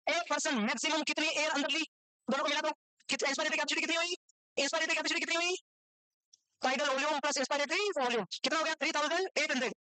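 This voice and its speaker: A woman's voice: high voice, pushed and bright, no echo, poor audio. A woman teaching a medical lecture, constantly firing rhetorical questions at her students and repeating the answers back, with English medical terms mixed in.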